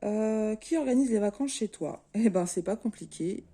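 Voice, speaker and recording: A middle-aged woman from France, a craft vlogger chatting casually to her viewers in a relaxed, easygoing way with many fillers. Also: mid-range voice, moderate pace. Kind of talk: casual chat to camera.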